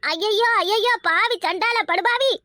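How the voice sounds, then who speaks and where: A woman voicing a loud, fussing village grandmother and a young wife in a cartoon, with a high, wailing, scolding way of talking. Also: unhurried, no echo, clean studio sound, heavily acted. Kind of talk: cartoon voice acting.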